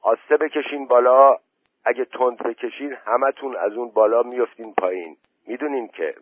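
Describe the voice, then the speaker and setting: A man's voice: mid-range voice, husky, no echo, natural voice. A man voicing a worried village headman who asks practical, fretful questions. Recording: dry tinny phone-like voice message.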